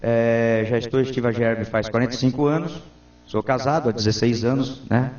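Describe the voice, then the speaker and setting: A town councilman in his forties answers interview questions earnestly and formally. His voice is mid-range, dark and mellow, with fairly even intonation and a moderate pace. It sounds distant in a roomy space, and the audio is dull and lo-fi.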